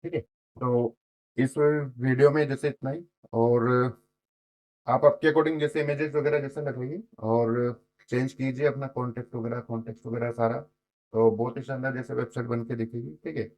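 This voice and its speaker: Guy with a hoarse throat walking you through a website tutorial, loose and chatty, keeps saying okay. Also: mid-range voice, steady tone, normal speed, darkish tone, slight background noise, poor audio. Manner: rambling, peppers speech with fillers and constant "okay?" check-ins. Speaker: web design tutor. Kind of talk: casual screen-share tutorial.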